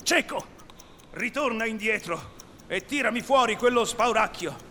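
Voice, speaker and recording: A man voicing a menacing, imperious pirate captain in a read-aloud story on the radio, with barking, high-pitched bluster. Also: animated, measured pace, a bit bright, long reverb tail, slight background noise, full character voice. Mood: commanding.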